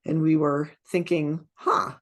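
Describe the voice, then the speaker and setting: A woman co-hosts a podcast in a relaxed, thoughtful conversation. Her voice sits low for a woman. She guides the discussion with questions. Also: unhurried. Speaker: podcast co-host. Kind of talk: casual podcast chat.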